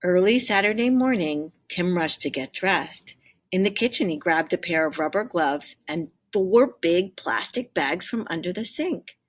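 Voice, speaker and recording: A woman teacher with a lowish voice reads a storybook aloud to her pupils at an unhurried pace, acting out the dialogue expressively and adding explanatory asides. There is slight background noise.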